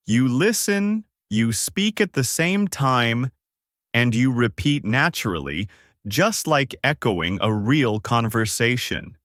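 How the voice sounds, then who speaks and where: Guy teaching english real slow and clear, emphatic, super slow pace, dry mic. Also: medium pitch, fairly bright tone, dry recording. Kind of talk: slow instructional narration.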